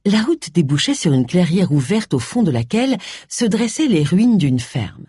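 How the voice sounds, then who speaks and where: A woman narrating a mystery novel audiobook with expressive storytelling. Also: on the low side, normal speed, slightly rough, no echo, studio quality.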